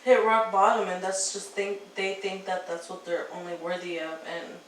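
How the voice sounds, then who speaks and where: A woman's voice: fairly low pitch, flat delivery, normal speed, a little hiss or hum. A woman in her twenties speaking earnestly and thoughtfully in a casual podcast chat. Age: 20s. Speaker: podcast co-host. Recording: very echoey room, distant mic.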